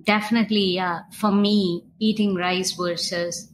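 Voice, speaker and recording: A woman from India hosts an interview and shares her views in a reflective, conversational way. Her voice has a middle pitch. A faint hum of ambience runs behind her. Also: fairly even intonation, unhurried, rough recording. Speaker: podcast host.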